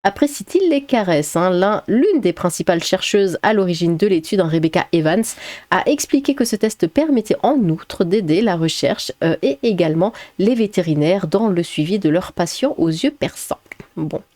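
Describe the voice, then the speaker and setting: A woman's voice: on the low side, expressive, moderate pace, mellow, dry recording. A woman chatting casually as a vlogger, laughing often, with many fillers and restarts. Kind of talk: casual chat, reading a quiz aloud.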